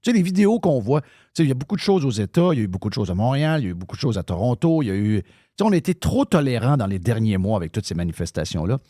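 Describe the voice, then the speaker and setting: A man's voice: mid-range voice, big pitch swings, racing, dark tone, dry recording, clean studio sound. A man with a Québécois accent, hosting live radio talk in a heated, ranting way, swearing freely. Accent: Québécois French. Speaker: radio show host.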